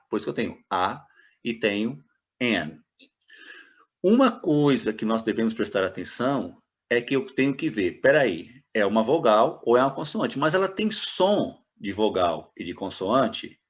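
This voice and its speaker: A man's voice: lowish voice, big pitch swings, normal speed. A man teaching English grammar, patiently repeating example words and asking the viewer rhetorical questions. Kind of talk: classroom explanation of grammar. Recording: dull, slightly lo-fi sound.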